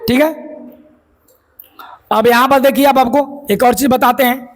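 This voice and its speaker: High-voiced man teaching grammar. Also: steady tone, normal speed. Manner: explains step by step, repeats key words, asks and answers own questions. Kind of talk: classroom lecture.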